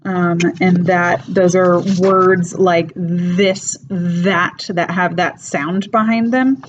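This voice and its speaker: A woman, an English teacher, giving a casual spoken lecture, explaining things in an unhurried way with frequent fillers. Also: fairly low pitch, steady tone. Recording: dull lo-fi recording with faint noise.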